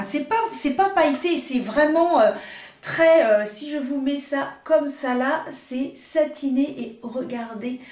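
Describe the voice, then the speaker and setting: A woman presenting a casual makeup tutorial, chatty and hesitant, often pausing on fillers and correcting herself. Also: high-pitched, darkish tone, reverberant. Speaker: beauty vlogger.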